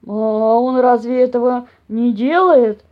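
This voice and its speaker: A woman voicing a huge, slow, half-deaf old papa bear who talks in a booming, puzzled way. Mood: mild. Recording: dull lo-fi audio.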